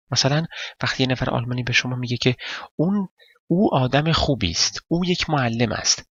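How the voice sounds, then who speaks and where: A man's voice: mid-range voice, vocal fry, fairly bright tone, husky, dry recording. A man whose first language is Persian teaches a casual spoken lesson. He explains step by step, quizzes his viewers and thinks aloud while he writes. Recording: dry, slightly dull recording.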